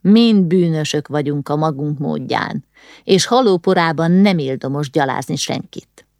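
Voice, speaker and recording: A woman's voice: low-pitched, no echo, studio quality. Woman reading as a weary grieving older nobleman. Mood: measured. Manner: quiet, somber.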